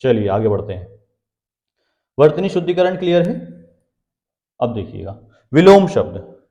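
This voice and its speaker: In a dull, echoey classroom, a man with a mellow, mid-range voice preps students for exams in Hindi grammar, speaking a little slowly in a sing-song manner. He poses questions he then answers and keeps repeating the important terms.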